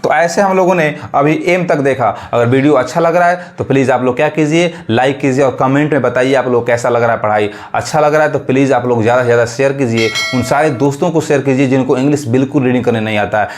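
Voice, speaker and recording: A man teaching English phonics to beginners in a Hindi accent, asking questions and repeating each word slowly. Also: mid-range voice.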